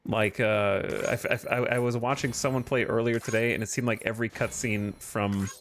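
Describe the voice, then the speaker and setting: A man's voice: lowish voice, fairly even intonation, fairly quick, fairly bright tone, a little hiss or hum. A man giving casual live gameplay commentary as a streamer, in a rambling, argumentative way. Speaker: game streamer.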